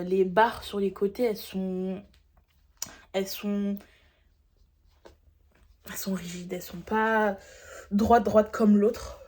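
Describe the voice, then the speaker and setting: A woman with a mellow, medium-pitched voice records a casual diary vlog on her phone at home. A cold has left her nose stuffy, and her chatter is full of fillers and restarts over noticeable background noise.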